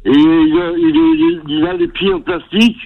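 A man with a gravelly smoker's rasp talks on a narrow phone line. His pitch is fairly high and swings around a lot. He lists items for sale casually, stumbling and repeating himself. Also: sing-song. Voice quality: raspy smoker's voice. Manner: halting, repeats words. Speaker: radio phone-in caller. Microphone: telephone.

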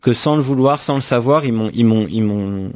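A man's voice: mid-range voice, moderate pace, darkish tone. A young man from France speaks as a guest in a radio interview, answering at length in a reflective tone. He often stops, repeats a word, and restarts his sentence while he looks for the right phrasing. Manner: thoughtful, frequent restarts and repeated words. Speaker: author guest.

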